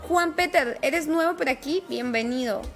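A woman with a high, bright-pitched voice chats through a game live stream. She is talkative and affectionate and keeps greeting viewers by name. Soft music plays faintly underneath. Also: normal speed. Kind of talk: casual live-stream chat while playing.

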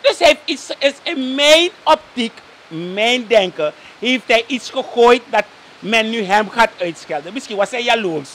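Speaking a little slowly, a man with a Surinamese Dutch accent comments as a guest on a live interview show in a very high, animated, sharp voice. He mixes in Sranan phrases and closes nearly each sentence with a questioning "toch?".

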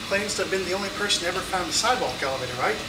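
A man guides the listener through an elevator ride with eager, explanatory enthusiasm. He sounds set back from the camera mic in a boomy little cab. A heavy wash of noise sits under everything he says. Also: lively intonation, rapid-fire. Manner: eager, explanatory, points things out. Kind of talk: casual guided walkthrough. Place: inside a small elevator cab in a building. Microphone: handheld camera mic. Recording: roomy, distant, loud background noise.

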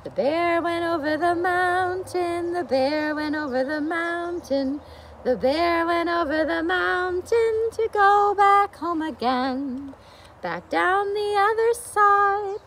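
With an extremely high, fairly bright voice, a middle-aged teacher tells a picture-book story to young children outdoors in a leafy garden. She reads and sings in simple, singsong fashion and keeps asking the little viewers simple questions, recorded on a camera or phone a short way off.

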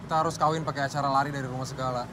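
A man's voice: mid-range voice, fairly even intonation, racing, noisy background, natural voice. A young man in a film drama, defensive and pleading with his fiancée. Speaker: groom-to-be.

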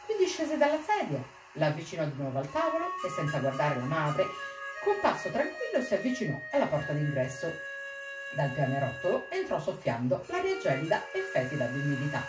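A woman reading a literary story aloud in an expressive, measured way at a library event. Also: low voice, roomy sound, distant mic, music in the background, rough recording. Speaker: reader.

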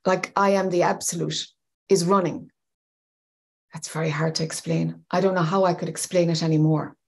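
A woman's voice: fairly low pitch, normal speed, creaky, husky. A woman in her fifties, a spiritual teacher, speaking thoughtfully from a home room over a video call and searching for her words. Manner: thoughtful, searching for words, animated hand gestures. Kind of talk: reflective spoken teaching. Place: home room with bookshelves, indoors. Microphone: webcam on video call.

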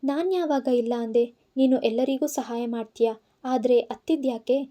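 A woman's voice: high voice, moderate pace, mellow, natural voice. Woman doing a proud hot-tempered young boss. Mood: stern.

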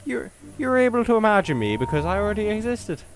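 A man's voice: high-pitched, very animated, fast, faint music behind, pitched above the performer's own voice. A man puts on a lanky skeleton in a top hat from a spooky video game, with a put-on Irish lilt. He is sly, chummy and theatrical, voice raised well above the man's own. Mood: persuasive.

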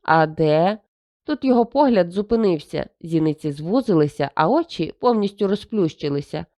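A woman narrating a fantasy fairy tale in an expressive storytelling manner, recorded on a close studio mic. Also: fairly low pitch, normal speed. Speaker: audiobook narrator. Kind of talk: scripted narration.

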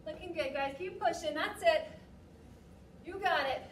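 A young woman working as an aerobics instructor, calling out cues and encouragement in short, energetic, motivating bursts. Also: very high-pitched, measured pace. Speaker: aerobics and fitness class instructor. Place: large gym studio, indoors. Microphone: distant camera microphone. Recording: echoey gym, distant mic, noisy.

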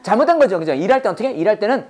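A woman's voice: mid-range voice, sing-song, racing, a little mellow. A woman teaching an English class to students, drilling terms by call and response and joking between points.

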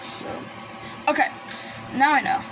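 A woman collector shows off her gadgets at a desk in a small indoor room, talking in a casual, unhurried, hesitant and rambling way. She's filmed on a handheld phone camera, so the recording is noisy, with background hiss and sound from radio devices.

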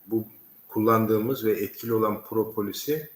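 Man host explaining things to viewers, lowish voice, roomy echo. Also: fairly even intonation, normal speed. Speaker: host speaking to his viewers. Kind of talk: direct address to viewers.

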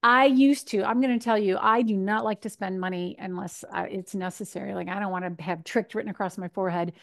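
A woman in her fifties from Michigan, a nutrition speaker answering questions in a chatty, animated way over a video call from her home kitchen. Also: mid-range voice, a little fast, creaky. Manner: chatty and animated, gesturing, acts out her own thoughts. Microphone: video call webcam.

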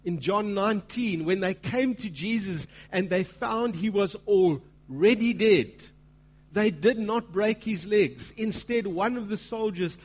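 Male pastor with a high voice, earnest sermon delivery, emphatic pauses. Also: slightly rough. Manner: earnest preaching with emphatic pauses and repeated words. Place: church.

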